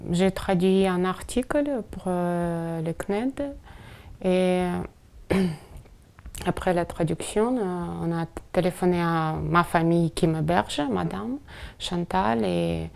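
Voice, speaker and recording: Ukrainian woman in her 30s, slow halting answers, gravelly low voice. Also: a little mellow. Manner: halting, many pauses and fillers. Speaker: interpreter guest. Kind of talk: hesitant interview answers in a second language.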